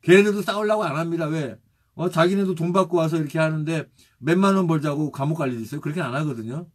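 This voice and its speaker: A male pastor preaching and leading prayer, steadily reciting lists of names, with a husky voice. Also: fairly high pitch, fast. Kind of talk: sermon and spoken prayer.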